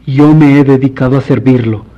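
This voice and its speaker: A man's voice: mid-range voice, fairly even intonation, close to an everyday voice. A man playing a devout, courteous priest in a radio drama, speaking formally and earnestly. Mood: earnest, pious. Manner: formal, measured, pious. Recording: dull lo-fi radio recording.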